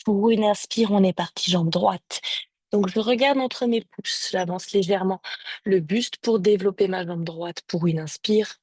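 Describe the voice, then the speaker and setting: A woman yoga teacher giving calm step-by-step cues and breath counts to a class over a video call. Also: mid-range voice, measured pace, husky, no echo. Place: home or studio, streamed on a video call. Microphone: video call microphone.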